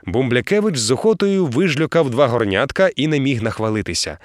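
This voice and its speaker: A man narrating an audiobook in an expressive storytelling way. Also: medium pitch, brisk, no room sound, studio quality. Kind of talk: scripted narration.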